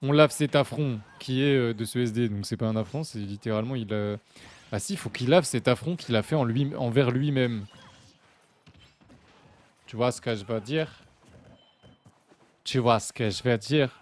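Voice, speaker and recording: A young man from France casually commentating a live fighting-game match, chatty and joking with his chat, with sudden bursts of excitement. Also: medium pitch, normal speed, long pauses. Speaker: esports commentator and stream host.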